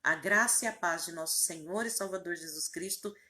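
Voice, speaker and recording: A woman's voice: lowish voice, fairly quick, pushed and bright. A woman, a pastor leading a fervent spoken prayer with repeated invocations and rising emphatic phrases.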